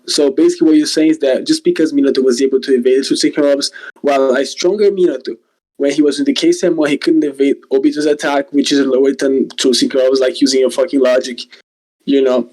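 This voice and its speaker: A man's voice: mid-range voice, fairly even intonation, fast talker, a little mellow. A young man pushes his case in a voice-call debate, tripping over his words and circling back with fillers. His voice sits in an ordinary middle range. His cell phone mic is pressed so close that the sound clips and breaks up into harsh distortion. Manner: stammering, filler-heavy, repeats "I mean" and "bro". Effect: clipping, distorted mic from sitting too close. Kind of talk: heated online voice-call debate.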